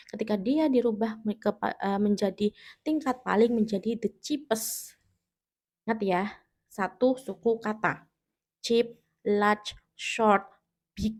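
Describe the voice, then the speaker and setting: A woman's voice: a little high, a little mellow. A woman with an Indonesian accent teaching an English grammar lesson, explaining patiently and often correcting herself mid-word. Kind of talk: classroom grammar lesson for students at home.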